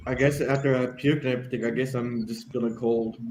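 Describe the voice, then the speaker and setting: A man's voice: mid-range voice, level tone, a little fast, a little mellow. A man in a casual group video chat, telling rambling stories full of swearing. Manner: rambling, profane storytelling. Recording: roomy sound with faint noise.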